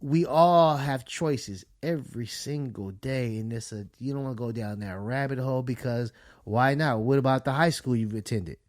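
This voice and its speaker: A man on a podcast laying out calm, practical advice in an easygoing, conversational way. His voice is mid-pitched and sounds dry and close. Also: moderate pace, no echo. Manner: calm, reasoning advice with "you know what I'm saying". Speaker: podcast co-host.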